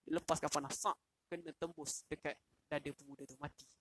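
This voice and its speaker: A man's voice: on the high side, level tone, brisk, fairly bright tone, no room sound. A man, telling a story in a casual livestream lesson and asking questions. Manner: casual, with fillers and restarts, asks the audience questions. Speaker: Quran class teacher.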